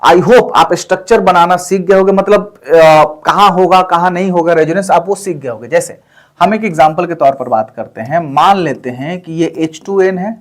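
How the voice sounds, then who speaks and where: A man's voice: sits high, normal speed. A male chemistry teacher explaining step by step, repeating points and often checking in with his students. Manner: repetitive, checks in with listeners often. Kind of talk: explaining on a whiteboard.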